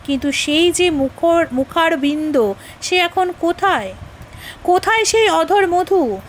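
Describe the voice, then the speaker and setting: A woman giving an expressive literary reading of a devotional biography in a measured voice. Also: extremely high pitch, a little hiss or hum, low-quality recording. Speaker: reader.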